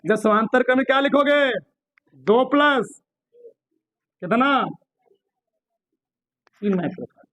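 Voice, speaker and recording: A man a very high voice teaches physics in a classroom. He keeps asking his students questions and gently scolds them as he works. The sound is dry and close, no room echo. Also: a little slow, pauses often. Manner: drills students with repeated questions, scolds lightly. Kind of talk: classroom lesson solving problems on a board.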